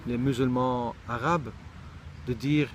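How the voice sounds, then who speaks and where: A middle-aged Israeli man speaks slowly with fairly even intonation in a mid-range voice, reflecting thoughtfully on personal matters. He hunts for words and restarts sentences often, and there's a faint hiss or hum.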